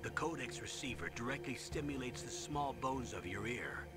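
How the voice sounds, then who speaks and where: Man playing stern military commander over loud music. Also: mid-range voice, expressive, natural voice. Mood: instructive. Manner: authoritative, measured briefing. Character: stern older male military commander giving orders. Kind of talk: video game voice acting. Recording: loud music behind game dialogue.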